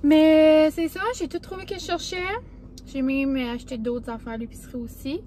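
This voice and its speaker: A woman's voice: high voice, fairly even intonation, normal speed, warm tone, slight background noise. A young woman with a Québécois accent, chatting casually to camera, rambling with lots of filler words. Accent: Québécois French. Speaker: vlogger. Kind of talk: casual vlog chat. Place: café, then home.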